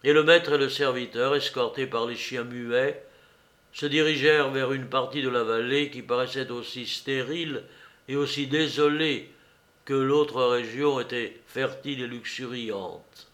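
A man narrating a novel as an audiobook, reading in a measured way that slows and drops at the ends of phrases. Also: medium pitch, fairly even intonation, a bit bright.

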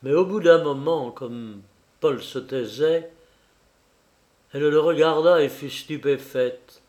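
A man narrating a novel as an audiobook in a measured, even way. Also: a little high.

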